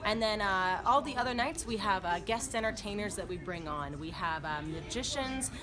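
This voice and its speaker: An upbeat, chatty woman answering informal interview questions as a cruise director, with loud music behind her. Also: mid-range voice, expressive, normal speed.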